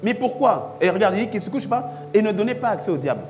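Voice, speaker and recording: A man's voice: sits high, sing-song, fast, darkish tone, soft background music. A man pastor preaching a sermon, driving points home by repeating short phrases with growing intensity. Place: church.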